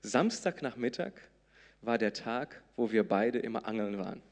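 A man from southern Brazil, preaching a sermon, swinging between loud emphatic peaks and soft intimate lines. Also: lowish voice, expressive, moderate pace, creaky. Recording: long reverb of a large hall.

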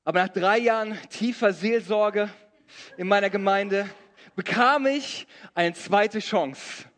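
A man's voice: high-pitched, takes it slowly, fairly bright tone. A middle-aged man from Germany preaching a sermon, mixing scripture with humorous stories about his own life. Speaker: pastor. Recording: long reverb of a large hall.

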